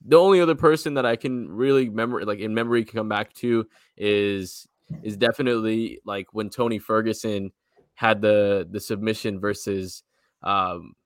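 A man's voice: on the low side, fairly even intonation, moderate pace, dry recording, studio quality. A man co-hosting a casual post-fight show, talking in a laid-back way with casual slang. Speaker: co-host.

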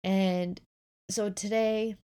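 A woman's voice: mid-range voice, flat delivery, drawn-out words, dark tone, clean tone. A woman hosting a casual solo podcast from her bed, chatty and rambling, sounding a little stuffy with a sore throat. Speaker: podcast host. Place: in bed indoors.

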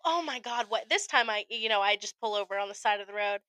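Fast and medium-pitched, with no echo, the voice belongs to a young American woman co-hosting a podcast. She tells a story in casual chat, animatedly acting out what people said and swearing frequently.

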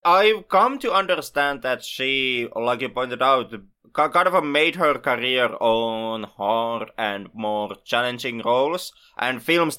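A man co-hosting a film podcast, speaking in a measured, thoughtful way with dry humor. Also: mid-range voice, sharp tone, smooth. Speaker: podcast co-host. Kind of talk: casual film podcast chat.

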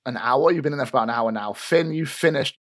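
A man narrating and running a tabletop game as game master, in a relaxed, descriptive way. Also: mid-range voice, fast.

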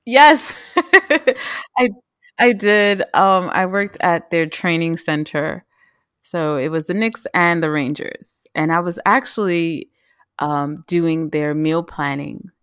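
A woman chatting as a guest about home cooking, lively and quick, with many fillers and restarts. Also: low-pitched, smooth, no echo, studio quality. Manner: animated, talks fast with restarts and fillers. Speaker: guest, vegan home cook. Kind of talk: casual interview chat.

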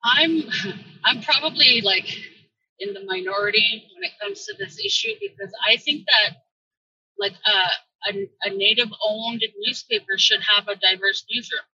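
A woman's voice: medium pitch, normal speed, sharp tone, husky, no room sound. Woman on a muffled, underwater-sounding call. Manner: thoughtful, restarts phrases with fillers. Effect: muffled underwater-sounding remote call audio. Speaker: journalist guest on a podcast. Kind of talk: casual conversation over a remote call. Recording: muffled, distant lo-fi call line.

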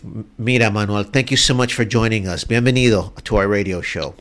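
A man's voice: on the low side, a little fast, a bit bright. A man hosting a radio show, introducing a guest and asking him questions in an earnest, emphatic way. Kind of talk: radio interview.

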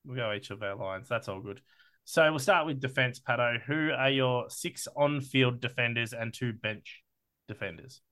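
An Australian man co-hosting a casual sports podcast, excitable and swearing freely as he talks through his team picks. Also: mid-range voice, moderate pace. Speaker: podcast co-host.

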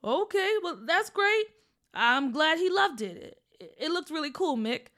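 Woman doing a gentle, teasing dad. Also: sits high, big pitch swings, measured pace, pitched above the performer's own voice, full character voice.

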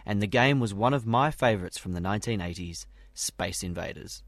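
A man with a fairly low voice reads prepared science news. The recording is dry, with hardly any room sound around him. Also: fairly quick, no echo. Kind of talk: scripted news reading.

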